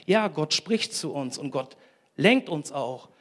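A man preaching a sermon to a congregation, energetic and emphatic, putting direct questions to the listeners. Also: on the high side, slow. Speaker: lay preacher. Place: church hall with congregation.

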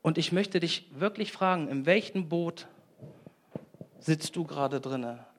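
A man preaching a sermon to a congregation, energetic and emphatic, putting direct questions to the listeners. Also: fairly high pitch, a little slow. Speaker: lay preacher. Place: church hall with congregation.

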